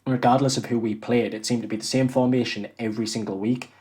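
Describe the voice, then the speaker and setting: A man's voice: medium pitch, fairly even intonation, fast, a little mellow. A man giving casual, conversational football opinions as a podcast panellist. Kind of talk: casual football fan chat.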